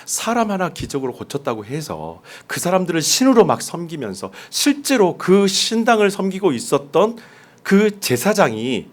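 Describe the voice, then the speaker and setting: A male pastor delivers a sermon in a lively, swooping voice that sits a little high for a man. He speaks to his congregation in a conversational way, often asking them direct questions. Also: normal speed. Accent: mostly standard Seoul Korean, dialect suppressed. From Jeolla, South Korea.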